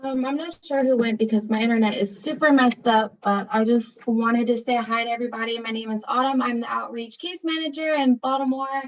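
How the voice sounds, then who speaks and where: A woman's voice: on the high side, fairly even intonation, a little fast, hardly any pauses. A woman, an outreach case manager, chatting in a bubbly, talkative way on a video call. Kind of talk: casual chat. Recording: dull lo-fi call audio.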